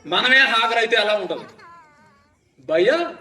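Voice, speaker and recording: A man's voice: high-pitched, lively intonation, slow pace, pushed and bright, echoey room, recorded from a distance. A man preaching a revival sermon, firing rhetorical questions at the congregation in call-and-response. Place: revival gospel meeting.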